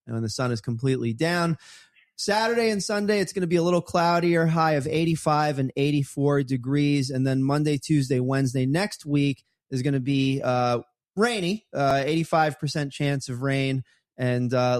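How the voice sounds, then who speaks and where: A man's voice: mid-range voice, no room sound, clean studio sound. A man presenting a local news show, reading the weather and sponsors in a casual, upbeat way with some fillers.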